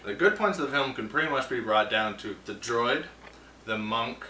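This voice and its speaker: A man's voice: medium pitch, animated, moderate pace, sharp tone, slight background noise. A man hosting a film review show, ranting with sarcasm and animation in a casual, opinionated way. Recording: roomy echo, distant mic, faint ambience.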